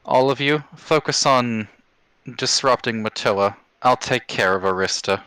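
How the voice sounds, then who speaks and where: A man's voice: medium pitch, unhurried, pushed and bright, clear, resonant tone, no echo, poor audio. A man voicing a stern, resolute archmage headmaster with a formal, grave manner in a tabletop game.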